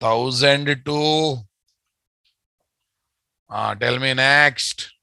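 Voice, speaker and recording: Bright-voiced Telugu-accented man teaching, measured pace. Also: mid-range voice, gravelly, clear, resonant tone, no room sound, clean studio sound. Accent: Telugu Indian. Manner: informal, repetitive, addressing students as guys and boss. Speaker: programming teacher. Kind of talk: live lecture with repeated phrases.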